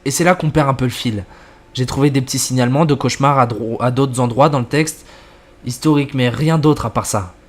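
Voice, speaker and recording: A man reading the lines of an elderly woman who explains old curses in a calm, measured way, in a scripted horror story. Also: mid-range voice, natural voice. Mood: grave.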